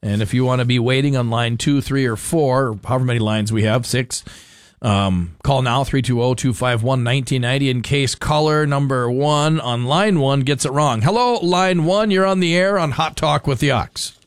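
A man's voice: mid-range voice, normal speed, dry recording. A man talking as a talk radio host in a studio, bantering with callers and his producer. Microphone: studio microphone.

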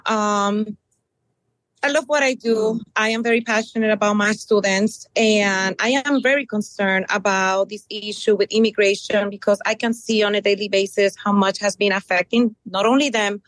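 Speaking at a medium pitch in a steady, fairly bright voice, this middle-aged Puerto Rican woman teaches bilingual middle school. She responds to interview questions with sincerity, filling gaps with many pauses and ums. The recording is rough but free of echo.

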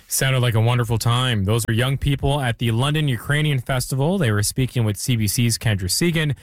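A man presenting an afternoon radio show, reading scripted links in a smooth, friendly way. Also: mid-range voice, brisk, faint music behind. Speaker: radio host. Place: radio studio.

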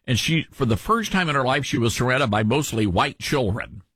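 A man's voice: medium pitch, lively intonation, normal speed, fairly bright tone, breathy edge, no echo. A man with a mellowed Southern American accent hosting talk radio in a conversational, folksy way. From Southern US, Tennessee.

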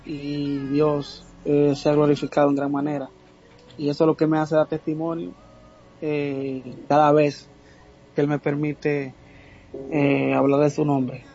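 A man with a Dominican accent, a guest singer in a casual interview, pausing often with filler sounds. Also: fairly high pitch, monotone, warm tone, lo-fi sound. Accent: Dominican Spanish. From Dominican Republic. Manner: halting, many filler sounds.

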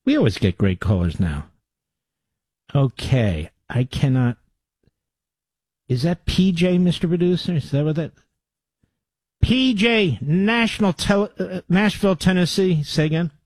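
A man's voice: on the high side, expressive, a little slow, long pauses, a little mellow, slightly rough, dry recording. A man hosting a call-in radio show, blunt and emphatic as he takes callers. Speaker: radio talk show host. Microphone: studio microphone.

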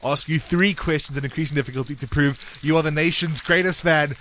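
A breakfast show host from South Africa leads an upbeat radio game, teasing and chirpy in his quick patter. His voice is a little high and a bit bright, with fairly even intonation, over a faint hiss or hum.

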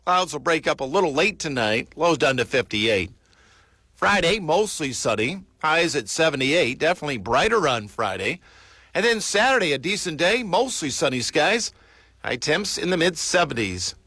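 A man's voice: a little high, very animated, moderate pace, pushed and bright, breathy edge, no room sound. A male meteorologist reading a radio weather forecast.

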